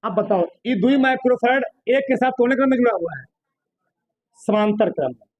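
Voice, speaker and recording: Fairly quick and very high-pitched, a male physics teacher solves board problems in class, repeatedly quizzing students and mildly scolding them. Recorded close and dry with no echo, the audio is muffled.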